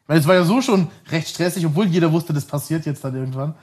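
Man, thirties, slightly high voice, chatty guest who rambles and laughs through his stories. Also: quick pace, darkish tone, husky. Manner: rambling, laughs often, self-corrects. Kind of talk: casual storytelling.

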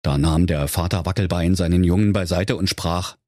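A man telling a comic fairy tale to children in a playful, animated storytelling manner. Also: deep voice, moderate pace, no room sound, clean studio sound.

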